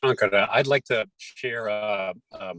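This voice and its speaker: Slow man on a breaking-up call. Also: lowish voice, a bit bright. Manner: halting, slow, stops and restarts mid-sentence. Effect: choppy video call connection that keeps breaking up. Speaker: participant in an online spiritual group. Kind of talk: sharing a personal story in a group call. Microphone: video call. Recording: dry voice over a breaking-up call.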